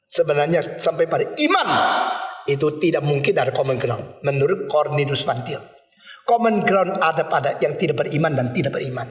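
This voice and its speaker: Animated preacher, high lively voice. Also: male voice. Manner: animated, emphatic, mixes in English words. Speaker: pastor. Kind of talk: sermon. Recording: echoey hall from a distance.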